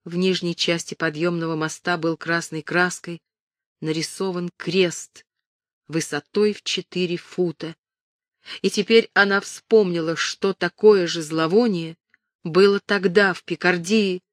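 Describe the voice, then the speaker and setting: A woman reading a historical novel aloud in steady, measured narration. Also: on the low side, no room sound, studio quality. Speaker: audiobook narrator. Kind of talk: scripted narration.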